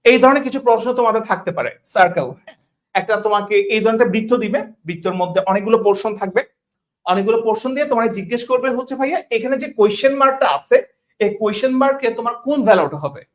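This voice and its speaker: A man's voice: high voice, fast. A man with a Bangladeshi Bengali accent teaching an online class. He talks colloquially to his students, repeats each question, checks in with them all the time, and mixes English words into his Bengali. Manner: addresses students as brothers, colloquial. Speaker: tutor.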